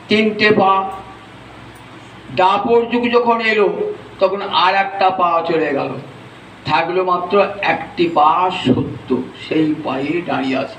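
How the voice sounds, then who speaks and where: A man preaching a devotional sermon, telling a scriptural story slowly and emphatically as he counts out points one by one. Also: high-pitched, slight background noise. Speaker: religious preacher. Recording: echoey room, distant mic.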